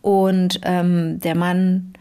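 A woman's voice: on the low side, flat delivery, very slow, mellow, clear, resonant tone. A woman co-hosting a casual phone chat, telling a long story with many fillers and restarts. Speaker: podcast co-host.

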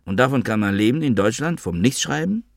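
A man voicing a bitter, volatile male Druze soldier in an audiobook, shouting crude rants. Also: medium pitch, animated, brisk, gravelly, no room sound, clean studio sound, pitched above the performer's own voice. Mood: probing, mocking. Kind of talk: audiobook character voice.

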